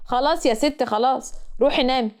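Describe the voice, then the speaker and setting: A woman's voice: high voice, quick pace. A woman voicing a teasing young male student with an Egyptian accent. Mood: cheeky. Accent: Egyptian Arabic. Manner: teasing, cheeky.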